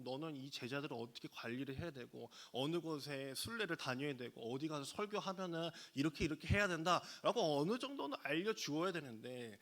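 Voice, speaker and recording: A male pastor preaching a sermon in a storytelling way, acting out quoted lines with sudden pitch jumps. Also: fairly bright tone. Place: church sanctuary.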